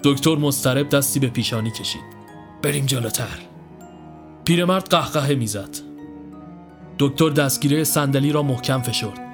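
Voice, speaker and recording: A man narrating a scripted horror story in a steady, dramatic manner. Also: mid-range voice. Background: faint music.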